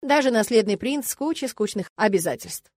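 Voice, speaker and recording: A calm young crown prince who talks in slow, level, unbothered lines, read by a woman in her own register. The sound is close and dry, with no room around it, as in a studio audiobook. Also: fairly high pitch, no echo. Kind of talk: audiobook character voice.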